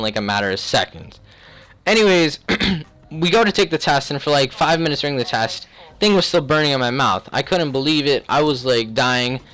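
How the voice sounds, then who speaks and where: A young man telling a personal story in a casual, rambling, slangy way, often clearing his throat. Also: mid-range voice, a bit bright, dry recording. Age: young adult. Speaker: video creator.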